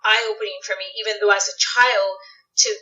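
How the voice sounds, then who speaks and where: A woman with a bright, forceful voice talks as an interview guest. She tells personal stories in a reflective way, full of "like" and "uh". The sound is a bit dull and lo-fi. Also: medium pitch, steady tone, fairly quick. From United States. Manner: reflective, storytelling with many fillers. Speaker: guest actress. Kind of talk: casual interview conversation. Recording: dull lo-fi podcast audio.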